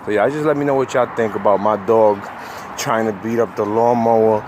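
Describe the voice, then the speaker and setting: A man's voice: on the low side, steady tone, brisk, noisy background. A man vlogging casually to his viewers in a backyard, laid-back and slangy, a bit out of breath. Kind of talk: casual vlog talk to viewers. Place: backyard outdoors.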